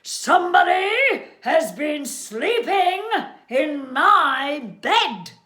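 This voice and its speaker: A woman's voice: high voice, very animated, very slow, pushed and bright, roomy sound, pitched above the performer's own voice, full character voice. A woman voicing a big father bear who bellows his complaints. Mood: indignant.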